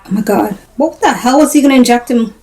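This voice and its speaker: Bubbly high-voiced woman reacting. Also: quick pace. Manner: animated, laughing, excited exclamations. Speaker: reaction video host. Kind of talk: casual reaction commentary.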